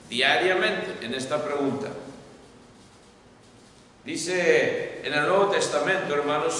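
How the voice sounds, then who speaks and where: Bright-voiced man teaching a Bible class. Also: a little high. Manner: asks the class questions, repeats points in English. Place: church hall. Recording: echoey hall, far from mic, faint noise.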